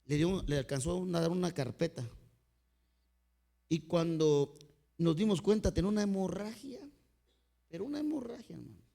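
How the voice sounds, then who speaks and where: A man's voice: sits high, animated, moderate pace, gravelly, long pauses. A male pastor with a Mexican accent, preaching a sermon through heartfelt personal stories. He keeps calling his listeners "brother" as he builds each point. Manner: earnest storytelling, often addressing listeners as "hermanito"; dynamic delivery, sudden swings in loudness.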